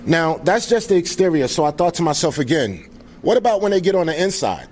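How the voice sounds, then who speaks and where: A man's voice: on the high side, big pitch swings, a little fast, darkish tone, a little hiss or hum. A man speaking as a founder presenting at a live event, informally welcoming guests in an earnest, grateful way.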